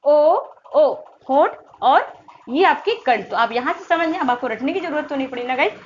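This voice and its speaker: A high-pitched woman teaches Hindi grammar. She asks questions over and over and stretches the vowel sounds to demonstrate them. The recording is slightly dull and lo-fi, with a faint hiss behind her. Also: expressive, brisk. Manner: repetitive call-and-response questioning. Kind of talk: exam-prep grammar lesson.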